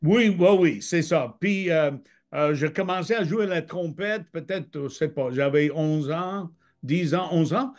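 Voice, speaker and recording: A middle-aged man from Michigan, United States, speaks French over a video call as a guest sharing his life story in a testimony interview. His slightly high voice has a darkish tone and a measured pace, with plenty of hesitant fillers.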